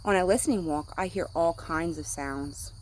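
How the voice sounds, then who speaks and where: A woman with a low-leaning voice reads a picture book to children at normal speed, talking plainly the way a teacher would and performing the sound words. Slight background noise is audible.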